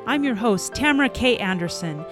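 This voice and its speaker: A woman hosting an interview podcast, with a low, soothing voice, presenting and asking questions. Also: animated, normal speed, over music. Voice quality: low, soothing, beautiful speaking voice. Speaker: podcast host. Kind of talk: scripted show introduction and interview.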